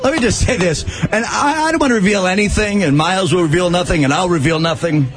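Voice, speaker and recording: A man in casual radio banter, speaking in a coy, halting, mock-secretive way. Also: high voice, fairly bright tone.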